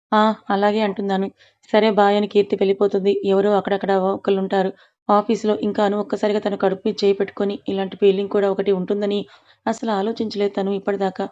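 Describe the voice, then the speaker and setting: Woman narrating a story, flat and mellow. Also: mid-range voice, highs cut off. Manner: reads dialogue inside plain narration.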